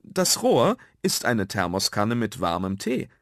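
A man voicing a friendly grown-up forester in a children's storybook, calmly explaining things. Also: on the low side, a little slow, gravelly, no room sound, clean studio sound, full character voice. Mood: kindly. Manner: calm, explaining.

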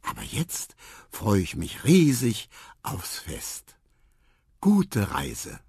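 A man voicing a curious, good-natured young male elephant in a children's radio story, with a lively, boyish voice. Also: lowish voice, drawn-out words, breathy edge, no room sound, studio quality, full character voice. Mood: happy.

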